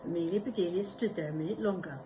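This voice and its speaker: A primary school teacher reads a picture book aloud, telling the story expressively with little asides. Her voice is lowish and quick, with a noisy background.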